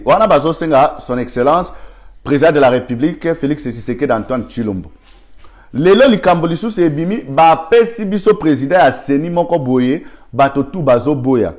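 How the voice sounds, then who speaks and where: A man's voice: fairly high pitch, expressive, moderate pace, darkish tone. A man with a Congolese accent gives an argumentative political commentary, firing rhetorical questions and thanking viewers by name.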